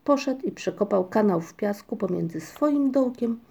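A woman narrating a children's storybook in a gentle, even reading voice. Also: medium pitch, moderate pace, creaky, slightly rough. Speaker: audiobook narrator.

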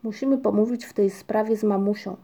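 A woman voicing an eager, excitable young male troll. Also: medium pitch, a little fast, lightly acted. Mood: excited. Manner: eager, decisive.

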